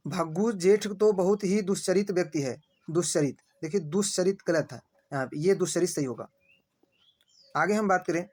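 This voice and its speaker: A male teacher running an exam-prep lesson, repeating each answer and asking quick rhetorical checks. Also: high-pitched. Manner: points at screen, says "dekhiye".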